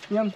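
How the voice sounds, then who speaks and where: A man's voice: dull audio, a little hiss or hum. A man explaining his home renovation work outdoors in a casual, chatty way, with loose swearing. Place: outdoors at a rural property.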